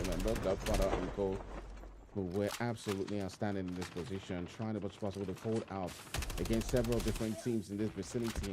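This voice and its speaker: An esports caster with a lowish voice commentates a live mobile shooter tournament, speaking to viewers in extended phrases and chatty asides. The background is noisy. Loud game gunfire and clicks run behind his home streaming mic on the live stream.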